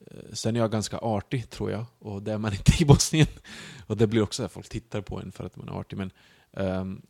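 A young man with a low voice chats casually and tells anecdotes, acting out the people he quotes. The sound is close and dry, with no room around him. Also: little pitch movement, vocal fry, mellow, slightly rough, no echo. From Sweden. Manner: storytelling, acts out quoted people. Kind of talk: casual chat.

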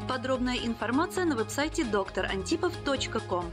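A woman's voice: fairly high pitch, expressive, a little fast. A woman announcer reading a scripted infomercial-style radio advertisement. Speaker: commercial announcer. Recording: music bed behind the voice. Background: music.

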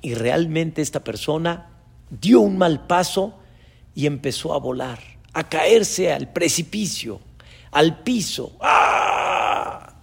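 Male rabbi, slow deliberate sermon, higher husky voice, dramatic swells. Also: lively intonation. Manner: dramatic storytelling, sudden loud rises.

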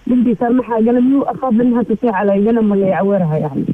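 A woman calling in, speaking hesitantly with many pauses, heard as a thin phone-line sound over a weak connection. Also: a little high, fairly even intonation. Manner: hesitant, halting, with many fillers. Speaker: caller. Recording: muffled narrow-band phone call.

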